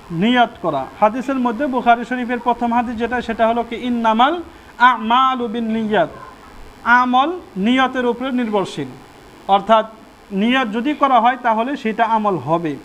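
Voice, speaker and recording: Male mufti, pitched very high, preaching in a question-and-answer manner. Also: a bit bright. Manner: asks the audience questions and answers them himself. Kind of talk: Friday sermon on prayer rules.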